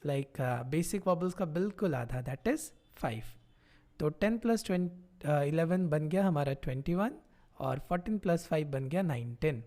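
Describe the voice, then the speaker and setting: A woman's voice: sits low, animated, measured pace, dark tone. A woman teaching a tutorial lesson, patiently checking in with learners and mixing Hindi and English. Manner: patient, often checks in with "ठीक है?". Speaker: language teacher.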